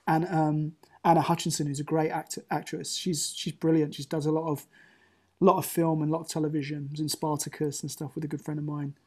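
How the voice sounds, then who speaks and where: A man's voice: on the high side, flat delivery, brisk, darkish tone. A man, an actor as interview guest, telling long anecdotes with lots of restarts over a remote call. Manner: rambling anecdotes with many restarts. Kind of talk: casual interview chat.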